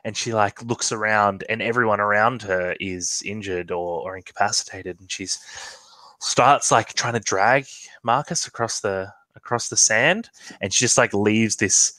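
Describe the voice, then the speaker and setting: A man's voice: fairly low pitch, moderate pace, sharp tone, no echo, low-quality recording. Hesitant man narrating a tabletop game. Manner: hesitant, full of ums and restarts. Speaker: player narrating his character.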